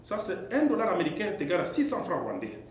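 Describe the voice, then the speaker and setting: Another audience member at a press conference, a man with a high voice, huge pitch swings and fast delivery, poses a lengthy question from the floor. He shares observations and recounts an example with earnest, storytelling emphasis that climbs as he stresses points. Faint noise and heavy echo fill the hall.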